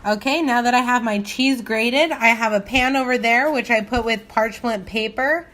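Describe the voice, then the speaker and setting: In her home kitchen, a woman with a slightly high, somewhat bright voice runs a casual cooking demo at a normal pace, chatting and thinking aloud in a loose, giggly, tipsy way. The recording is noisy, full of kitchen ambience.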